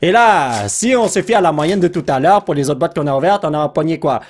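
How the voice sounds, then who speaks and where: A young man with a Québécois French accent hosts an excited card-opening vlog, his voice pitched high and swinging widely up and down. He bursts out at good pulls, laughs and mixes English words into his French. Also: fairly quick. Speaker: YouTuber opening Pokémon card packs.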